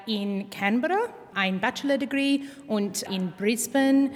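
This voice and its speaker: Woman, singing student, fairly high, careful speech, hall reverb. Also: a little slow. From Australia.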